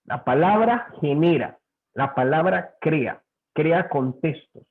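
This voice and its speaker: Speaking slowly in a voice a little high for a man, a male pastor teaches his congregation in sermon style, telling lively anecdotes and acting out the voices of the people in them. The audio sounds thin and tinny, like a phone line.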